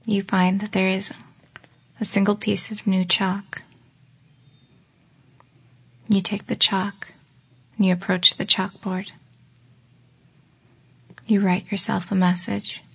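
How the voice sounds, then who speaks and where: Lady reading a guided relaxation script, low-key whispery delivery, some vocal fry. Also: level tone. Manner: slow, soft, partly whispered delivery. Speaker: meditation guide.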